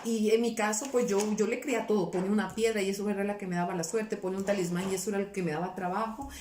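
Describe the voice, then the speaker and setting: A woman's voice: mid-range voice, steady tone, racing, darkish tone, a little hiss or hum. A woman giving an earnest, emotional personal testimony, often repeating her words and quoting her own past pleas. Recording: roomy, somewhat distant from the mic.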